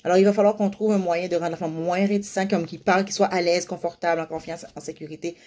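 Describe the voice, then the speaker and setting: A young woman giving parents casual advice, lively and now and then slipping into sing-song baby-talk examples. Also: fairly low pitch, fast talker. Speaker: parenting vlogger giving tips.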